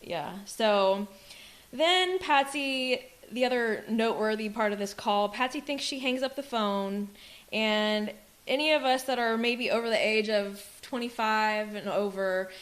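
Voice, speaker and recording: A woman's voice: on the high side, measured pace, fairly bright tone. A woman co-hosting a true crime podcast, laying out a case in an emphatic, argumentative way. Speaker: podcast co-host.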